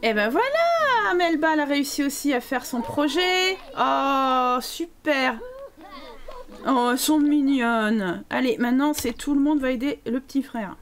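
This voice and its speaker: A woman's voice: high-pitched, expressive, a little slow, a crowd in the background. A woman streaming a life-sim game live, chatting playfully to her characters and thanking viewers as she goes. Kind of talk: live gameplay commentary.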